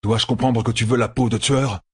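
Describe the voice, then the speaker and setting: A blunt, wary young man, as a male narrator voices him in an audiobook. He talks gruffly and to the point, a little higher than the narrator's own voice. The voice sounds husky and dry. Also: fairly even intonation, moderate pace, no echo. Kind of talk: audiobook character voice.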